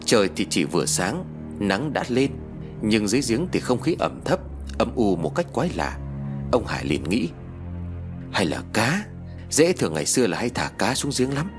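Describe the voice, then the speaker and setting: A man narrating a suspenseful ghost story as an audiobook reader, in a lively storytelling manner. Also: fairly low pitch. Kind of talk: scripted narration of a horror story.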